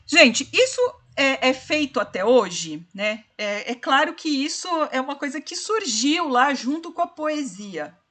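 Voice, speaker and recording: Woman literature teacher with a somewhat high voice, unhurried explanatory lecture. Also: sing-song, a bit bright. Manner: explains slowly, counts syllables aloud, addresses students directly. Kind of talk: online class lecture.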